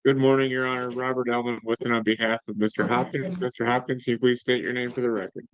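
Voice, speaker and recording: A man's voice: medium pitch, little pitch movement, fast talker, no room sound, lo-fi sound. A man speaking as a defense attorney, formally addressing the judge in a courtroom recording.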